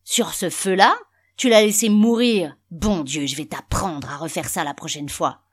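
A woman voicing a harsh, drunken father who shouts and threatens in a loud, barking voice, read as a story. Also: low voice, normal speed, husky. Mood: furious shouting. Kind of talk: storybook reading.

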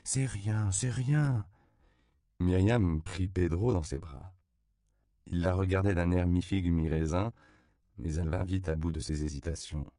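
A man reading an audiobook in scripted narration, with an even, measured delivery. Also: sits low, clear, resonant tone, no room sound, clean studio sound.

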